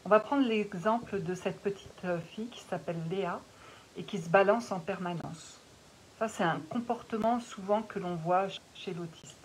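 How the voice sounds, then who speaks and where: Calm middle-aged woman on a phone live. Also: mid-range voice, low-quality recording. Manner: calm, measured, with frequent pauses and fillers. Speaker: naturopath and life coach. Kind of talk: live talk to parents. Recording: faint hiss on a phone recording.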